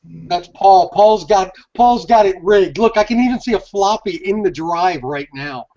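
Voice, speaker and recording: A collector on a panel video call chats casually in a high, unhurried voice with a dark tone. He's effusive and prone to folksy exclamations, and the audio has the dull lo-fi quality of a video call.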